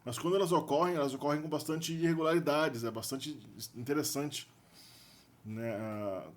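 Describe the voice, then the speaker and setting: A man's voice: on the high side, normal speed. A man with a Brazilian Portuguese accent giving an unscripted linguistics lecture, thinking aloud with restarts and frequent question tags. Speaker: linguistics video presenter.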